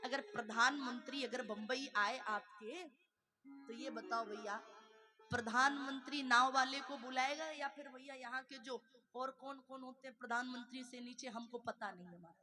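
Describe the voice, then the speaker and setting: A woman's voice: sits high, steady tone, moderate pace, over music. A woman religious storyteller giving a devotional discourse, asking her listeners rhetorical questions and breaking into sung verses.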